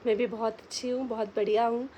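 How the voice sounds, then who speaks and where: A woman's voice: on the high side, fairly even intonation, fast talker, mellow, highs cut off, slight background noise. A young woman talking straight to camera in a casual vlog, chatty and direct, turning heated and emphatic as she answers critics. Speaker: vlogger.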